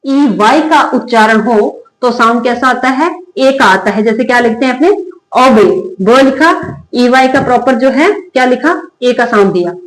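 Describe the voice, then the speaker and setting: A woman with a fairly high pitch runs a Hindi-medium spelling lesson at a board, covering English spelling rules in Hindi. She repeats her own questions, answers them herself, and reads out example words in slow, drilled fashion, all in an echoey room.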